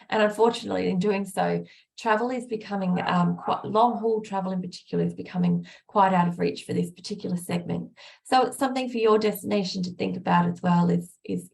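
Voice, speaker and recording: A woman with a raspy, hoarse voice giving a conference presentation over a video call, speaking in a measured way with fillers. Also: medium pitch.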